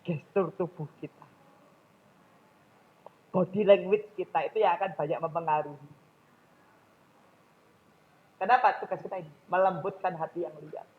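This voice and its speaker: A man's voice: high-pitched, normal speed, long pauses, phone-quality sound. A man with a Javanese accent giving a public speaking lecture in a mosque, often questioning his audience directly.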